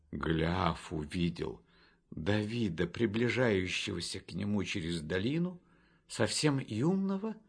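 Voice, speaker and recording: A man narrating a Bible story for a storybook reading in a measured, expressive way. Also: medium pitch, creaky, husky. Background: faint music.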